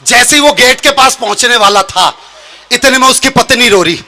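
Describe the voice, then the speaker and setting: A young man telling a comic story on stage as a comic poet, animated and shouting out his punchlines. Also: very high voice, normal speed. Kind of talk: live humorous storytelling on stage. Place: stage at a poetry gathering.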